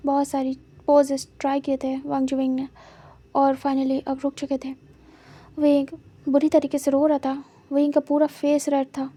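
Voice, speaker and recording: A woman narrating a fan fiction story in a plain, steady retelling, dropping English words into her sentences. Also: high voice, moderate pace.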